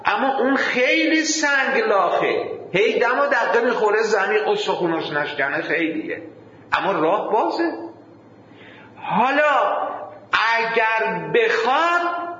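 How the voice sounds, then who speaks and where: A male preacher giving a sermon with storytelling. He stretches key words out slowly and recites Arabic verses. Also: sits high, lively intonation, sharp tone, a little hiss or hum. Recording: very echoey hall, muffled sound.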